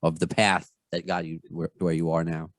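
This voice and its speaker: A man's voice: sits low, level tone, moderate pace, dry recording. A man in his thirties with a Long Island New York accent, hosting a podcast interview in a chatty, rambling, self-deprecating way. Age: 30s. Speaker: podcast host. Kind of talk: casual interview.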